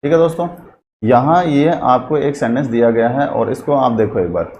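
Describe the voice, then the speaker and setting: A man teaching an English grammar class in Hindi. He mixes in English terms, spells out words slowly as he writes, and keeps asking the class questions that he answers himself. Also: mid-range voice, a little mellow, a little hiss or hum.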